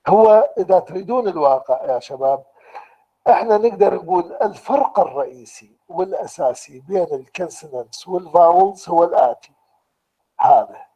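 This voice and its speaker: A man with an Iraqi Arabic accent giving a university lecture online, explaining slowly and deliberately and restating each point in two languages. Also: high voice, expressive, dark tone, slightly rough, low-quality recording.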